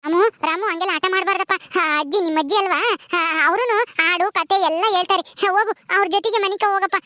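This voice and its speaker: A woman voicing a gentle young wife who pleads earnestly with her mother-in-law. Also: very high-pitched, fairly even intonation, fast talker, slight background noise. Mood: coaxing.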